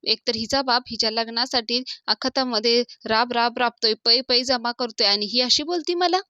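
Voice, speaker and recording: A woman's voice: a little high, moderate pace, bright, forceful tone, dry recording. A woman voicing an angry mother who scolds her grown daughter. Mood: scolding. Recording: dull dry lo-fi recording.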